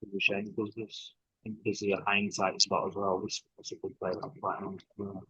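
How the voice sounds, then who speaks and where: A man with a low, flat, husky voice comes through a muffled, lo-fi call line that sounds like he is underwater and keeps breaking up. He rambles hesitantly, with many fillers and restarts. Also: normal speed, no room sound. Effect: muffled, underwater-sounding, breaking-up call audio. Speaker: trader reviewing charts on a group call. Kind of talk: casual group call.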